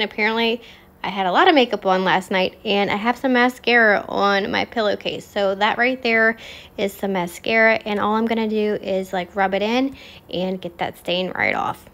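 A woman's voice: on the high side, a bit bright. A woman in her thirties, a wife and mom, chatting upbeat to her viewers in a home cleaning vlog voice-over.

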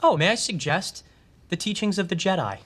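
An actor playing a sarcastic, awkward teenage son with deadpan, wisecracking delivery. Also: male voice, high-pitched, brisk. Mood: wry. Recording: noisy sitcom TV audio.

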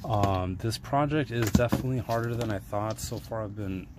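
A man with a lowish voice, recorded on a handheld phone camera in first-person view, casually walks through a DIY plumbing job in a cramped space under an indoor sink. The DIY repair vlogger explains hands-on and unhurriedly, with plenty of ums and uhs, and the clip is very noisy.

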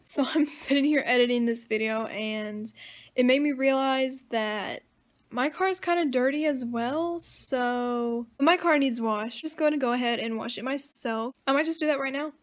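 A woman's voice: high-pitched, normal speed. A young woman talking casually to her phone camera at home as a vlogger. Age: young adult. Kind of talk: casual vlog talk to camera. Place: indoors at home.

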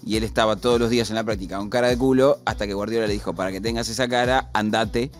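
A man's voice: on the low side, steady tone, quick pace, soft background music. A man with an Argentine accent, explaining sports results and rules step by step in casual studio chat. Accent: Argentine Spanish. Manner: explains patiently, with an informal aside at the end. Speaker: sports commentator on a streaming talk show.

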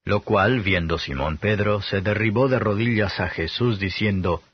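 A man giving a steady, measured Bible reading as an audiobook narrator, on a dull, slightly lo-fi recording. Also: lowish voice, slightly rough.

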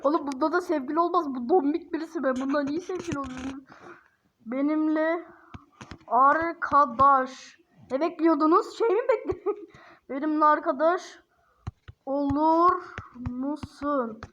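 A high-voiced woman chats through a video in an unhurried, drawn-out way. She teases and bursts out in exasperation, laughing often and stretching words slowly as she dictates. The recording sounds dull and lo-fi. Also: fairly bright tone, slight background noise. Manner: teasing, exasperated outbursts and frequent laughter; drawls words slowly while dictating what to type. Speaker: YouTuber. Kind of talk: casual screen-recording commentary.

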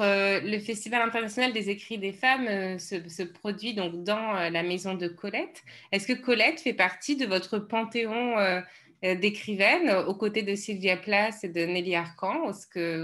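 A woman journalist asking interview questions in a hesitant, halting way. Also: medium pitch, a bit bright.

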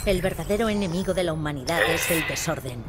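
A woman voicing a stern female security robot guardian in a video game, giving flat, clipped system announcements through a light robotic filter. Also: low voice, fast, noisy background. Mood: commanding. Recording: game audio with loud music. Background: loud game music and effects.

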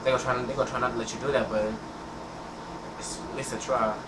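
Over his gameplay, a teen channel host rambles in a mid-range voice with a level tone and quick pace, frequently starting his words over. The headset mic recording has an echoey, far-off, noisy room sound.

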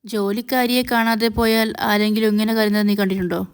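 A woman voicing a scheming older grandmother who whispers suspicions in a TV serial retelling, in a smooth voice. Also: mid-range voice, flat delivery, a little fast, close to an everyday voice. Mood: suspicious. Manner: hushed, suspicious, insinuating.

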